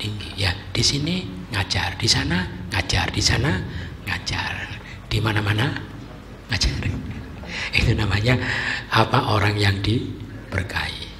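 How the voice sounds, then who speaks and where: A man giving a conversational sermon, often asking his listeners rhetorical questions. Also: fairly low pitch. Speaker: preacher. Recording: echoey hall with faint noise.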